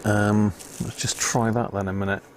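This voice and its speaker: A British livestream host, repairing radios as a hobby, thinks aloud and mutters through casual commentary as he works. His lowish voice shows little pitch movement at a moderate pace, against background noise.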